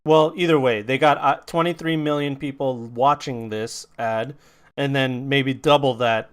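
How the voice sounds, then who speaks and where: A young man co-hosts a casual podcast, venting bluntly and swearing freely. His voice is smooth and resonant and sits at an ordinary pitch for a man. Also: a little slow. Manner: blunt, profane, animated venting. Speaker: podcast co-host.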